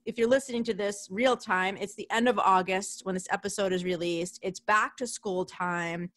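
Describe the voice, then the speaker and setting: A woman hosting a casual podcast interview, chatty and quick to laugh, with casual swearing. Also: medium pitch, fairly even intonation, a bit bright. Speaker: podcast host.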